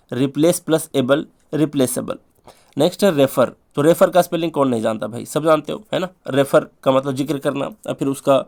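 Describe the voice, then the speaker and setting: A man teaching an English spelling lesson in Hindi, drilling each word over and over in a sing-song way with quick asides. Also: fairly high pitch. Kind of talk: spelling lesson for exam prep.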